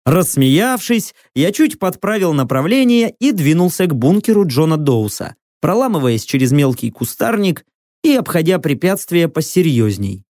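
Male narrator, gruff, coarse, unhurried, lively pitch, dry studio sound. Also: no echo. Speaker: audiobook narrator. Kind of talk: first-person audiobook narration.

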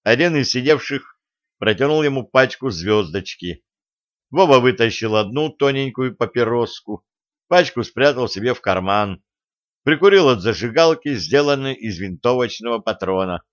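Guy reading an audiobook, steady, smooth clear voice, kinda muffled lo-fi sound. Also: medium pitch, moderate pace, dry recording. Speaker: narrator. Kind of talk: audiobook narration.

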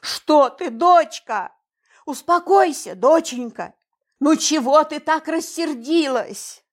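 A flustered older man pleads and soothes in a high, lively voice, as a woman reads him. He fusses over a wild daughter in an audiobook scene. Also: slow pace. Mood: pleading. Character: flustered older man playing a worried dad.

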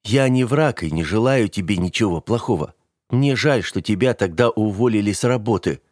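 A man voicing an earnest, calm young gentleman. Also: lowish voice, normal speed, no echo, studio quality.

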